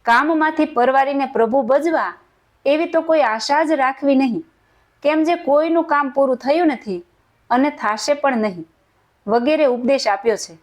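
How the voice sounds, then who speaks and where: Woman narrator, high voice, slow even telling of a devotional tale. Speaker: storyteller. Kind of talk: scripted devotional story narration.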